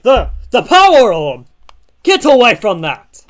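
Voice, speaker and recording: A man voicing an angry young male hero who shouts at a villain. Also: fairly high pitch, big pitch swings, slow, full character voice. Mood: outraged. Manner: shouting, outraged. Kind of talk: amateur voice acting on a livestream.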